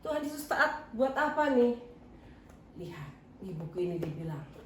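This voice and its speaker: A woman's voice: fairly low pitch, sing-song, normal speed, slight background noise. A woman leading a children's church service, telling a story from a picture book to the children. She talks, keeps asking the children questions and answers them herself. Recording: roomy echo, far from the mic, faint ambience.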